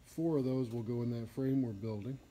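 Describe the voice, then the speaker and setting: A man's voice: medium pitch, fairly quick, mellow, slight background noise. A man with a Southern US accent walks through an RV repair shop, explaining the technical work in a plain, casual way with some fillers. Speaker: RV shop tour guide. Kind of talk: casual walkthrough narration. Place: large indoor RV repair shop.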